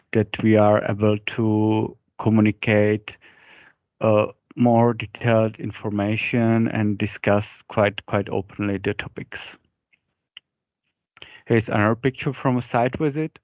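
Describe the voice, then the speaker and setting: A man's voice: on the low side, darkish tone, no room sound. A young man with a Czech accent, a native Czech speaker, gives an informal slide presentation in hesitant, repetitive English. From Czech Republic. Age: young adult. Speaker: presenter for a young engineers' group. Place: online video meeting. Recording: dull, muffled online call audio.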